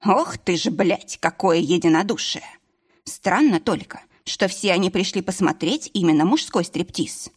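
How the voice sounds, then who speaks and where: A woman's voice: on the low side, expressive, moderate pace, husky. A woman reading an audiobook voices an angry, domineering young husband who speaks in curt commands. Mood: commanding.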